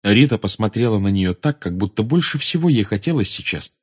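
A man narrating an audiobook in a measured, expressive manner. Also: lowish voice, breathy edge. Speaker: audiobook reader. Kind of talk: scripted narration.

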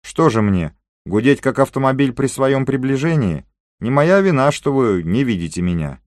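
A man's voice: mid-range voice, very animated, moderate pace, no room sound, clean studio sound, voice pushed up, natural voice. A man voicing a cautious Greek informant in an audiobook, passing on news in an offhand, matter-of-fact way. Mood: indignant.

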